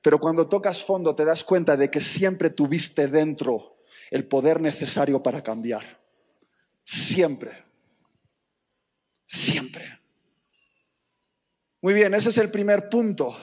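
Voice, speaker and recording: A man preaching a sermon to his congregation, dramatic, acting out the people in his stories with sudden shifts between loud and soft. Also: lively intonation, moderate pace, in a large hall. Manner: dramatic, acts out quoted people with big swings in pitch and volume. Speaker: pastor.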